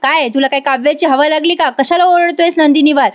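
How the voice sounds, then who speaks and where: A stern, protective elder brother who scolds his younger brother, voiced by a woman reviewer. Her voice stays high. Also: fairly even intonation, brisk, lightly acted. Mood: scolding.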